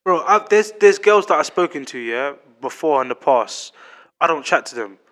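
A podcast host in his late twenties with a London roadman accent, the urban London slang sound, talks in a fairly high, expressive, fairly bright voice at a moderate pace. His casual, opinionated chat is emphatic, repetitive and full of slang.

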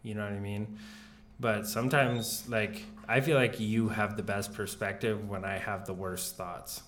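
A young man in casual podcast chat with his partner, relaxed and laughing often, swearing freely. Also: on the low side, measured pace. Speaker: podcast co-host.

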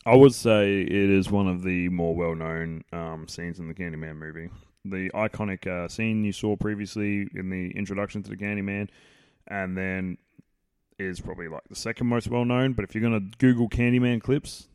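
A man's voice: sits low, normal speed, darkish tone, clean tone, no echo, clean studio sound. A man hosting a podcast, chatting casually in a joking, playful, rambling way while he watches a film. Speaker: podcast host. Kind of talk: casual chat.

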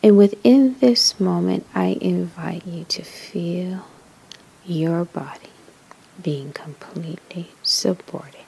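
A woman leading a guided meditation in a soft, whispery spa-like voice, soothing and measured, with pauses between short phrases. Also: fairly low pitch, vocal fry, husky, poor audio.

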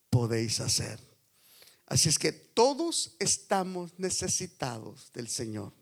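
A male pastor preaching a sermon in Spanish, moving between hushed, slow lines and loud, rising appeals. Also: fairly high pitch, gravelly. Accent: Puerto Rican Spanish.

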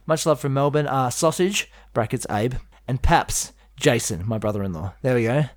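A man's voice: medium pitch, animated, moderate pace, no room sound. A man co-hosting a casual podcast chat, joking and teasing his co-host with playful wordplay.

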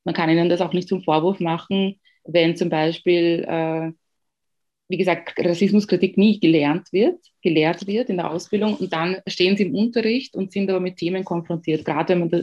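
A woman from Ghana, a guest answering interview questions in a measured, thoughtful way with frequent pauses to find words. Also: on the low side, darkish tone, lo-fi sound. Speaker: guest, education researcher.

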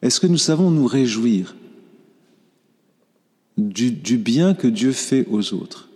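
A man preaching a sermon as a priest, slow and reflective, often restarting his phrases. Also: medium pitch, animated, mellow, long reverb tail.

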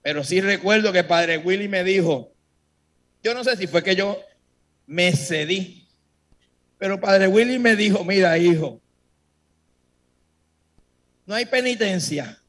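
A man giving a religious testimony to a congregation, telling his story in a lively way and speaking straight to his listeners. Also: high-pitched, measured pace, long pauses.

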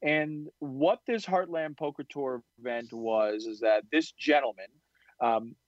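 A man and poker author telling a story in an interview, animated and full of restarts. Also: medium pitch, a little slow, no room sound, dull audio. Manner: animated, acts out quoted voices, stammering restarts.

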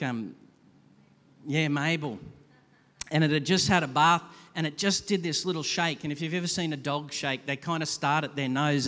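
Man preaching in a reverberant hall. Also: fairly high pitch. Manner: conversational, animated preaching with quick asides. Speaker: pastor. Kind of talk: sermon. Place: church hall.

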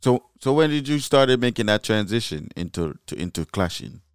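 A man interviewing a guest in a casual chat, asking halting questions full of restarts and fillers. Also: mid-range voice, big pitch swings, smooth, no room sound, studio quality.

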